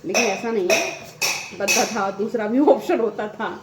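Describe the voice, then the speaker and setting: A woman's voice: medium pitch, fairly even intonation, moderate pace, heavy background noise. A woman in her thirties, a mother chatting casually while doing housework, rambling and laughing often. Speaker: vlogger and mother. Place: home bathroom. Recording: echoey room with faint ambience.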